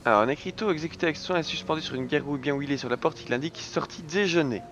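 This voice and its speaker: A man's voice: a little high, very fast, a bit bright, dull audio. A man hosting a casual let's play, reading the game's text aloud and tossing in dry little asides. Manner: reads game text aloud with dry quips. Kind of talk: casual gameplay commentary.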